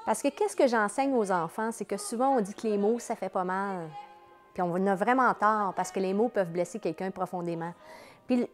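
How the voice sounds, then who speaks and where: A woman's voice: medium pitch, normal speed. A woman with a Quebec accent enthusiastically explaining her children's show in a promotional interview. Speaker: children's entertainer, company president.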